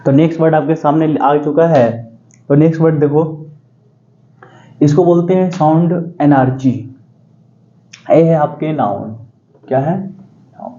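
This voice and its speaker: A man teaching exam vocabulary in a lecture, repeating key words slowly and quizzing his students. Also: on the high side, warm tone, lo-fi sound. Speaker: English teacher.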